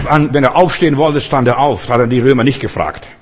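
Man, preacher, sermon, breathy voice, long reverb, swings from loud to soft, asks the listeners questions. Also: quick pace. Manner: emphatic, swings between loud outbursts and soft low passages; addresses listeners directly, often with rhetorical questions.

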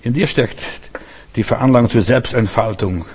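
Husky male preacher in a reverberant hall. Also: medium pitch, normal speed, darkish tone. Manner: addresses listeners directly, emphatic repetition. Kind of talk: sermon.

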